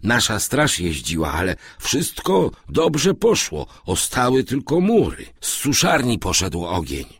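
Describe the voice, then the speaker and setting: A rough-spoken manservant with a cackling laugh, performed by a man reading a novel aloud. His speech is coarse and full of dialect. The voice is husky and dry, and it swings widely in pitch. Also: huge pitch swings, a little slow, few pauses, no echo, heavily acted. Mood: eager. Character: gruff rustic male manservant.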